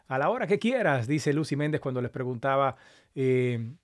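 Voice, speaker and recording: A man hosting a casual live stream, a little hoarse from long talking, greeting viewers affectionately by name. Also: mid-range voice, expressive, normal speed. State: slightly hoarse after an hour of talking.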